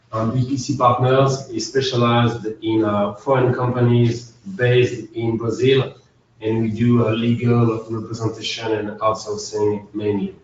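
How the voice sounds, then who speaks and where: A man with a French accent, an accountant, gives a methodical, structured business presentation as a webinar. His voice is medium-pitched with slight background noise, and the webinar audio sounds echoey, distant, and dull.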